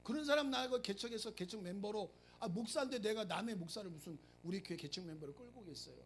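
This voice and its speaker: A middle-aged male pastor giving a lively sermon, acting out prayers and joking with the congregation. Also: high voice, fast, slight background noise. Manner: animated, acts out prayers and quotes, jokes with the congregation. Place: church sanctuary.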